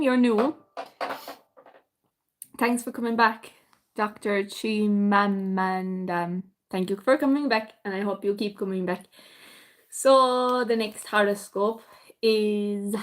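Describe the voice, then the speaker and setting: A woman from North Kerry in Ireland with a Kerry accent, a music teacher casually chatting on a livestream and greeting viewers by name. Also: medium pitch. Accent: Irish, Kerry. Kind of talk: casual livestream chat reading viewer comments.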